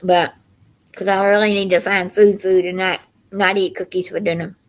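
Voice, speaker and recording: An older woman with a Southern US accent hosts a casual livestream. She talks in a folksy, meandering way, wandering from one story into the next. Her voice sits at an average pitch for a woman. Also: flat delivery, normal speed, slight background noise. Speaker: livestream host. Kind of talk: casual rambling chat to livestream viewers.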